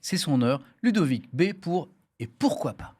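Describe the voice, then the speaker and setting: A man's voice: on the high side, sing-song, a little slow. A man hosting a live studio talk show, playfully teasing his guests and running a little quiz. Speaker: host.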